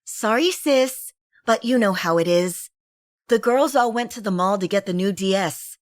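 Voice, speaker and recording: A woman voicing a lively young woman, a student kid sister with a breezy, wheedling way of talking. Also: medium pitch, moderate pace, no echo, studio quality, lightly acted. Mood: bright, wheedling.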